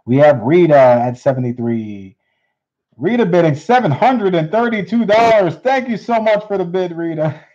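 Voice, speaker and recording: A man hosting a live coin auction, repeating bids in steady auctioneer patter. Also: high-pitched, moderate pace. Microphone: unseen, hands on camera. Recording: dull lo-fi stream audio.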